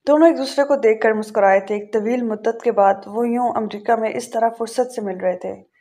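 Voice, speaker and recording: A woman narrating a novel aloud in a calm, measured way, now and then correcting a word. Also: fairly high pitch. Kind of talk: audiobook reading of a novel.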